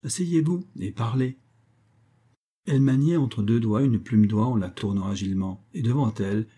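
A man narrates a classic novel in a measured, even audiobook reading. His voice is low and very dark. It carries a husky, slightly breathy texture.

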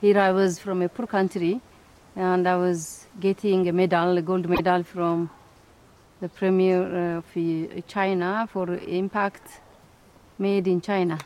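A middle-aged woman scientist from Ethiopia, answering interview questions thoughtfully with many pauses, fillers and restarts. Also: on the low side, little pitch movement, darkish tone. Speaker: scientist and institute director.

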